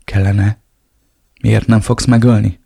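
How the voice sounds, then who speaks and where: A man's voice: on the low side, flat delivery, gravelly, dark tone, husky, no echo, studio quality. Man reading as a frightened, tearful young woman. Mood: distraught. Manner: pleading, distraught. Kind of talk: audiobook reading.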